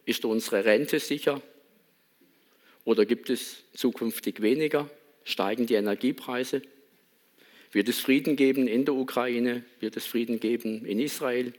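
Man, pastor, sermon, rhetorical questions, reflective, mid pitch. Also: measured pace, pauses often, a little mellow.

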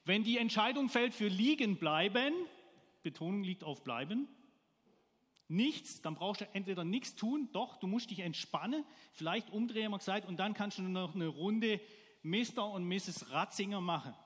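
A man's voice: high voice, expressive, normal speed, fairly bright tone, big-room sound. A man preaching a sermon, telling an everyday story and putting questions to his congregation.

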